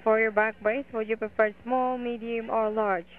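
A woman telemarketer heard over the phone, briskly running through scripted questions for a brace order. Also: fairly high pitch, little pitch movement. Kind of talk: scripted sales call. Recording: tinny phone line.

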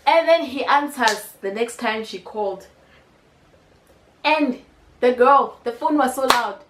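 A young South African woman with a South African accent, telling a storytime vlog in an animated, slangy way with lots of repetition. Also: a little high, slow pace, background noise. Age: young adult. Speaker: YouTuber. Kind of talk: storytime vlog, casual chat. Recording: echoey room with faint music.

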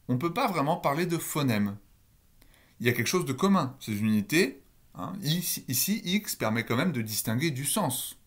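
A man giving a recorded university lecture on phonology, explaining step by step and asking the listeners questions. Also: mid-range voice.

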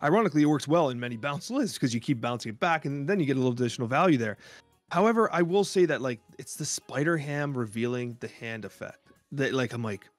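A man co-hosting a casual gaming podcast, venting in an expressive, exaggerated way. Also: mid-range voice, fast, no echo, faint music behind. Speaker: podcast co-host.

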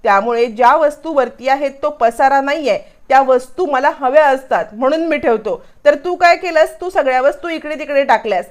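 A woman reading the lines of an irritable young husband scolding his wife, her own voice barely changed. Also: sits high.

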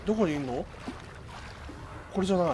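Lively, high-voiced man streaming a game. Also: quick pace, slight background noise. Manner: talks to himself, reacting aloud. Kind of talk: casual live horror game commentary.

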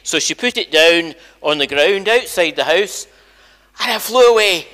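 With a high-pitched, animated voice that sounds pushed and bright, an older Scottish minister speaks a little slowly as he tells stories to his congregation. It's an informal all-age church talk in a large indoor sanctuary, recorded with long reverb.

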